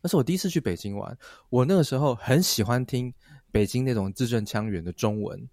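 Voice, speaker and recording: A man with a Taiwanese accent hosting a podcast, telling stories in a lively casual chat and laughing often. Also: mid-range voice, a little fast, no echo, clean studio sound. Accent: Taiwanese Mandarin. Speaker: podcast host.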